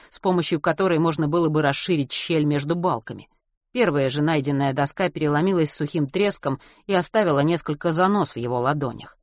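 A woman narrating an audiobook in a steady, even storytelling manner. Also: low-pitched, no room sound, studio quality.

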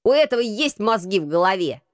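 A woman reading an audiobook, voicing a bossy crippled street boy who leads a gang and barks gruff commands. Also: medium pitch, very animated, fairly quick, no echo, clean studio sound, natural voice. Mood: angry. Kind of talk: audiobook character voice.

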